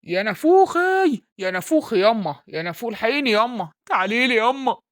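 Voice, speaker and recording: A woman's voice: on the high side, lively intonation, very fast, a bit bright. A woman playing a blustering know-it-all dad. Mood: exasperated. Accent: Egyptian Arabic. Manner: insulting, pompous, mangles English words. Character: blustering know-it-all father tutoring his son. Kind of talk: comedy sketch acting.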